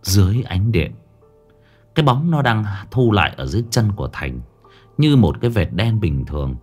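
A man narrating a horror story in a dramatic, expressive way. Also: fairly low pitch, normal speed, husky, faint music behind.

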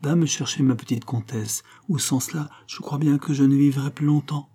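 A man voicing a moody, imperious young count, lovesick and emotional, with a husky voice. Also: mid-range voice, fairly even intonation, normal speed, warm tone, voice pushed up, natural voice. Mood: coaxing.

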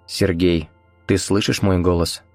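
A man voicing a hypnotist who questions his friend in a calm, controlled, coaxing way. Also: deep voice, unhurried, dry recording, soft background music. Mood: tense.

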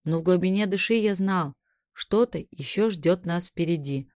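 A woman narrating a first-person fantasy audiobook in a steady, even reading. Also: lowish voice, normal speed, no echo, studio quality.

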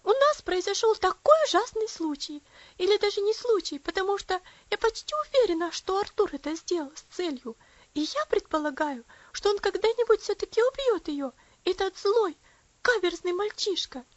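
A woman voicing a young girl who talks loud and tearful in an audiobook story. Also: very high-pitched, moderate pace, hardly any pauses, no room sound, pitched above the performer's own voice. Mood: sobbing outrage. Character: sobbing excitable young girl. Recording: dull lo-fi audio.

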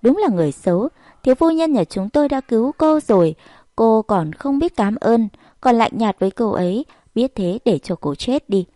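A woman voicing an indignant, sharp-tongued older female housekeeper who scolds bluntly, in an audiobook reading. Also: mid-range voice, expressive, moderate pace, no room sound. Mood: angry.

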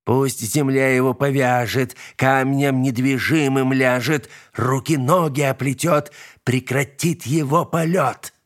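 A man voicing a scheming, boastful middle-aged witch who bosses her son, with a shrill, commanding manner. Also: expressive, measured pace, fairly bright tone. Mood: gloating.

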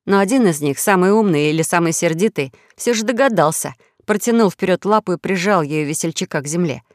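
Woman narrator, audiobook story, expressive, lowish voice, dry close sound. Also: brisk, dry recording.

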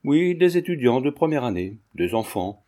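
An earnest young man in a storybook, as a reader puts him on, explaining himself defensively. The voice is mellow and darkish, at an ordinary pitch. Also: very animated, normal speed, lightly acted.

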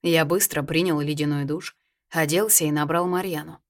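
A woman reading an audiobook in scripted narration, in an even, measured way. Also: low-pitched. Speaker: audiobook reader.

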